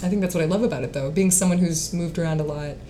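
A woman's voice: fairly low pitch, very fast, dark tone, a little hiss or hum. Chatty laughing woman in her late twenties. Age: late 20s. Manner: chatty, laughs often, many fillers. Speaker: guest singer-songwriter and actress. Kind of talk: casual interview chat.

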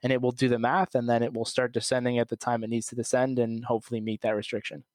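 Calm, flat-voiced man explaining. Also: mid-range voice, quick pace, no echo. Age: young adult. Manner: calm, methodical, plain explaining. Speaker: commercial airline pilot, podcast guest. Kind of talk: explanatory interview answers.

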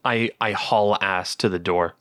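A man playing in a tabletop game, making quick joking remarks. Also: low-pitched, steady tone, fairly bright tone, smooth, no room sound, studio quality. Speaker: player. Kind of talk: casual tabletop game chat.

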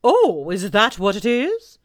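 A woman voicing a self-important old male owl who talks loudly and fussily. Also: mid-range voice, wildly swooping pitch, takes it slowly, pitched above the performer's own voice. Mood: pompous. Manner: loud, fussy and self-important.

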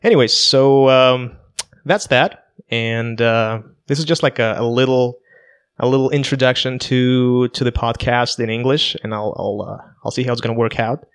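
A man's voice: mid-range voice, fairly even intonation, moderate pace, clear, resonant tone. A man in his twenties from Kazakhstan with a Russian accent, hosting a casual solo podcast on a laptop, talking in a hesitant, self-conscious way with many restarts. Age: 20s. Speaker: podcast host.

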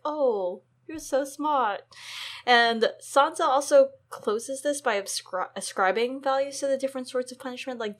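Young female co-host, bright and quick, casual book chat. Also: a little high. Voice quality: quick and animated with frequent "like". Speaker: podcast co-host.

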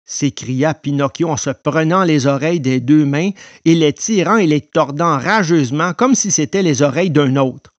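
A man narrating a storybook in an expressive telling voice. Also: on the high side, normal speed, no room sound.

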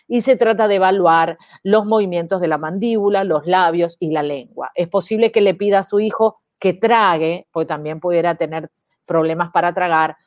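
A woman's voice: on the low side, normal speed, dry recording, clean studio sound. A woman, teaching parents in an informal way, explaining with many examples and rhetorical questions. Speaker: educator on child speech disorders.

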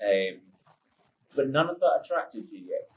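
A man's voice: mid-range voice, very animated, a little slow, poor audio. A man hosting a podcast, chatting casually, laughing often and restarting his sentences. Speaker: podcast host. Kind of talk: casual interview chat.

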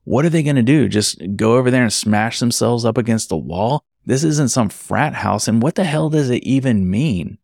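A man voicing an indignant female assistant photographer who fires off scandalized, sharp questions. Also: medium pitch, expressive, normal speed, gravelly, few pauses, no echo, clean studio sound.

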